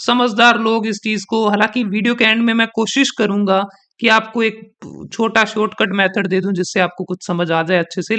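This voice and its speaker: A young male trainer teaching an online lesson, his voice sitting high for a man. He explains in an easy, patient way and repeats example sentences slowly to show where the stress falls. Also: creaky, bright, forceful tone. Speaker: exam coaching trainer. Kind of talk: teaching in Hindi mixed with English.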